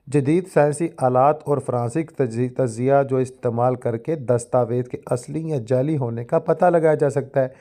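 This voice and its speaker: This Pakistani-accented law YouTuber has a warm, medium-pitched voice and explains the material like a lecturer in formal Urdu, dropping in English legal terms often. Part of the time he reads from a judgment.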